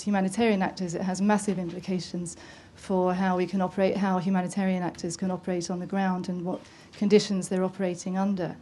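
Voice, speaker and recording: A woman with a medium-pitched, dark voice puts a long, hesitant question to a panel from the audience in a conference room, full of ums and restarts.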